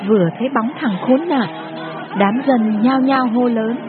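Woman narrator, grave storybook telling, fairly high voice, tinny sound with music clearly behind. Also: measured pace, crowd noise, background noise.

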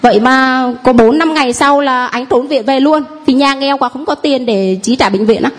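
Speaking at a moderate pace in a high register, a woman testifies before the priest and congregation about healings. Her delivery is halting and thick with fillers.

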